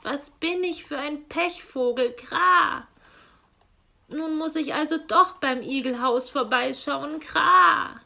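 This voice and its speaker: A woman voicing a grumpy male raven postman who croaks loudly between his words in a storybook. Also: high-pitched, pitched above the performer's own voice, heavily acted. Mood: complaining. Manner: loud croaks, quick indignant outbursts.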